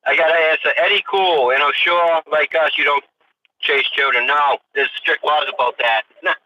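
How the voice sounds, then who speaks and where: An American man in his forties hosts a livestream, chatting casually at a normal speed in a voice on the high side with fairly even intonation. His opinions are emphatic and repetitive, with some swearing. The sound is tinny and radio-like, with a distant mic and faint noise.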